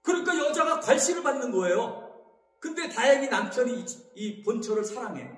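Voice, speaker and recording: A male pastor preaching a sermon, emphatic and breaking into shouts, calling on the congregation for amens. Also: very high voice, very animated, fairly quick, soft background music. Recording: echoey hall reverb.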